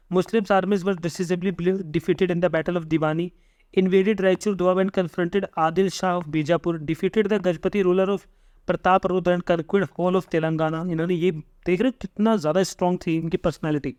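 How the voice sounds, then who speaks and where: A young man teaching an exam-prep history lesson, reading notes slowly, then explaining them quickly and stumbling over hard names. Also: high-pitched, a little mellow, no echo. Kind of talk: lecture reading notes aloud, explaining in mixed Hindi and English.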